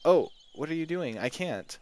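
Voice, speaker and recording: A man's voice: a little high, animated, moderate pace, a little mellow, pitched above the performer's own voice, natural voice. A man voicing a shy, timid teenage girl at a summer camp in a game he reads aloud.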